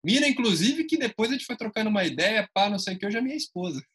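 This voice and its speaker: São man, casual storyteller, quick and lively delivery, acts out quotes. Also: high voice, breathy edge. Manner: animated, acts out dialogue.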